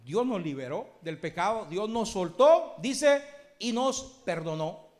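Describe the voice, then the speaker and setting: High-voiced preaching man, loud and hushed by turns. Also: expressive, measured pace. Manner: preaching with sweeping swings from loud shouts to hushed low lines. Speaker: pastor. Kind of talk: sermon.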